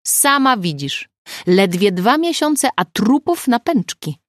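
A woman reading the lines of a brisk, teasing amateur sleuth in an audiobook. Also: fairly high pitch, sing-song, no echo, clean studio sound, voice pushed up. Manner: brisk, matter-of-fact, teasing. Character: grown woman, sharp-witted amateur sleuth.

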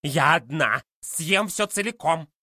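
A greedy villain rat, voiced by a man, drawling her lines slowly with a low, sharp, hissing edge. The sound is dry and up close. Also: lively intonation, dry recording, full character voice.

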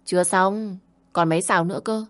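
A woman's voice: lowish voice, steady tone, fairly quick, natural voice. A woman voicing a scheming young daughter-in-law who sweet-talks on the phone and hisses through her teeth when angry. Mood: sugary.

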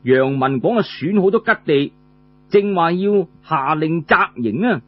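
Here a male storyteller with a Cantonese accent narrates a traditional tale with animation, stretching out his particles in a chatty yet dramatic manner. His pitch is fairly high and expressive, his delivery a little slow, and the audio is narrow and tinny.

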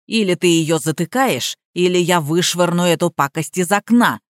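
A woman's voice: on the low side, moderate pace, no room sound, studio quality, pitched below the performer's own voice, close to an everyday voice. A woman voicing a curt, irritable young man who barks his words, in an audiobook. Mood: furious. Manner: harsh, barking.

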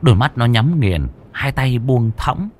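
A man narrating a ghost story in an expressive, dramatic way. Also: mid-range voice, unhurried, slight background noise.

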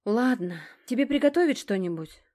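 A woman voicing a shrill, tearful young woman. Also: expressive, normal speed, mellow. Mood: calmer. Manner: shrill, sobbing, exclaiming. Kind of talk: audiobook dialogue.

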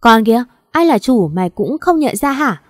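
A woman voicing a bossy, gruff young rich master who gives curt, scolding orders. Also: fairly high pitch, sing-song, moderate pace, no room sound, studio quality.

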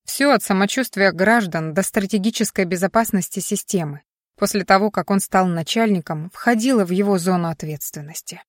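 A woman reading a science fiction novel as scripted audiobook narration, measured and even, dropping low and quiet at the ends of sentences. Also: no room sound, studio quality.

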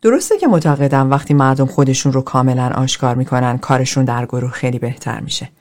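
A woman reading as a calm therapist giving a warning. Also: extremely low pitch, pitched below the performer's own voice. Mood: cautioning. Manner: calm, advising. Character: man leading a therapy group, calm and cautioning.

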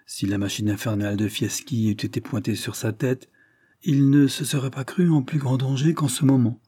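A man narrating a Victorian novel as an audiobook, measured and even. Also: medium pitch, husky, dry recording, clean studio sound. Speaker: audiobook reader.

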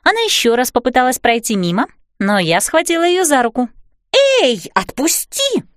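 A woman narrates a children's storybook with a high, bright voice. Her delivery swoops animatedly through the lines, and the recording is close and dry with no room sound. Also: fairly quick, no room sound. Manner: lively, animated. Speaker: audiobook narrator.

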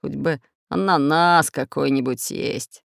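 A storybook narrator voicing a greedy, grumbling red-bearded pirate captain in a slow, gravelly voice. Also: mid-range voice, a bit bright, no echo, clean studio sound, exaggerated voice.

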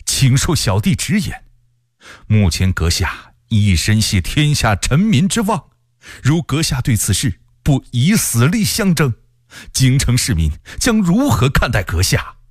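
A man's voice: medium pitch, very animated, a little slow, no room sound, studio quality, pitched above the performer's own voice. A man voicing an agitated court censor who pleads urgently and with passion. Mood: impassioned. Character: agitated court censor, a younger male friend.

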